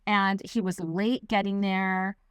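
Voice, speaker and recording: A middle-aged woman, a guest correspondent, telling animated anecdotes in an interview and acting out quotes. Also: medium pitch, slow pace, smooth, no echo, clean studio sound. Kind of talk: storytelling interview chat.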